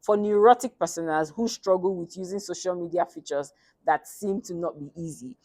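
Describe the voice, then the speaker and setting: Casting: female student defending a thesis, halting and hesitant, modestly low pitch, very dry recording. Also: darkish tone, no echo. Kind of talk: academic presentation, semi-scripted.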